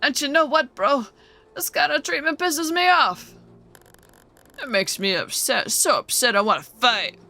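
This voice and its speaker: A woman's voice: sits high, lively intonation, unhurried, pushed and bright, voice pushed up, heavily acted. A woman voicing a hotheaded spider in a game who talks in brash slang and wants to fight. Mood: belligerent. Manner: brash slangy trash talk.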